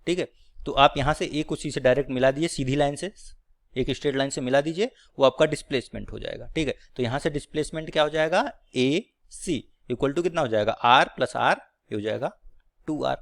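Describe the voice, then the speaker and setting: A man's voice: mid-range voice, fairly quick. A man teaching a physics class at a board, working through each step and often checking in with his students. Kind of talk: blackboard physics lecture.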